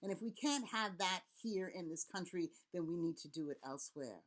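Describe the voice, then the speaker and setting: Fairly low in pitch, expressive and a little fast, this woman is a middle-aged Vodou priest and elder from Haiti. She delivers an earnest, rallying address to camera, impassioned and packed with repetition and long lists.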